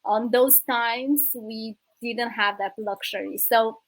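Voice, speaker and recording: A woman in her thirties from Romania, a native Romanian speaker, telling her life story as an interview guest, warm and grateful with many hesitant fillers. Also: on the high side, steady tone, slow, no room sound, rough recording. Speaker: guest, business coach.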